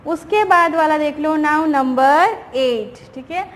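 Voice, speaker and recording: A woman teaching a primary school class, patiently asking questions and answering them herself, reading English lines slowly. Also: high voice. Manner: patient, asks and answers her own questions; reads English lines slowly, explains in Hindi. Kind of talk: recorded online class lesson. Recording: reverberant room, faint background noise.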